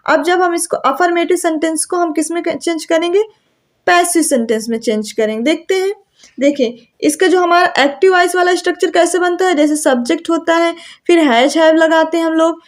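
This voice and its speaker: A young woman teaching an English grammar lesson, asking questions and answering them herself, stretching out her example sentences slowly. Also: very high voice, a little mellow.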